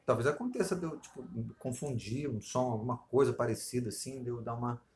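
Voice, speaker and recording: Laid-back Brazilian man, mid-pitched voice. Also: a little fast, a little mellow. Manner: laid-back, agreeable, backchannels a lot, swears casually. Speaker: podcast co-host. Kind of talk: casual chat.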